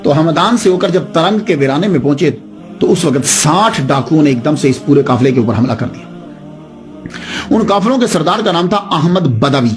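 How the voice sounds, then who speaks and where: A man preaching a sermon, telling a story with dramatic delivery and voicing the characters in turn. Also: a little high.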